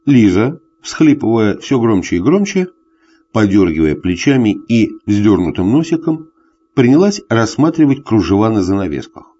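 A man narrating a classic short story in an expressive storytelling manner. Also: lowish voice, moderate pace, breathy edge, muffled recording. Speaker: audiobook reader. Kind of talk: scripted narration.

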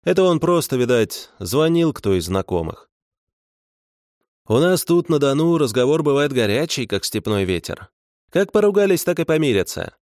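A man's voice: a little high, big pitch swings, normal speed, a little mellow, dry recording, clean studio sound, voice pushed up. A man voicing a folksy middle-aged police sergeant, sing-song and soothing.

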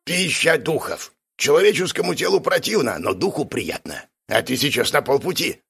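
A man's voice: lively intonation, moderate pace, gravelly, fairly bright tone, husky, exaggerated voice. A man narrating a story voices an old, eccentric exorcist who mocks and lectures theatrically. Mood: sardonic. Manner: mocking, theatrical, high-pitched. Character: old eccentric male exorcist, mocking and sardonic.

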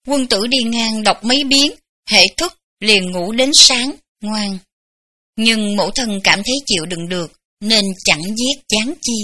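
Female audiobook reader, bright tone, gentle unhurried memoir narration. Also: mid-range voice. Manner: gentle, unhurried storytelling with light laughs. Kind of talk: memoir read aloud.

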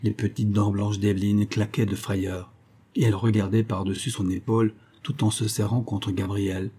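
A man reading a gothic story aloud as scripted narration, in a measured, even way. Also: lowish voice, husky. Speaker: audiobook reader.

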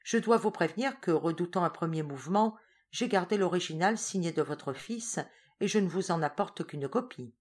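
A woman's voice: lowish voice, animated, moderate pace. A woman voicing a firm, formal notary. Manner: polite but insistent.

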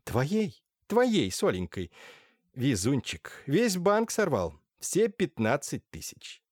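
A man's voice: a little high, wildly swooping pitch, slow, no echo, pitched above the performer's own voice, heavily acted. A man voicing a domineering, scheming older noblewoman in an audiobook, by turns wheedling and hissing. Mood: coaxing. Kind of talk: audiobook character voice. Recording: dry close studio sound.

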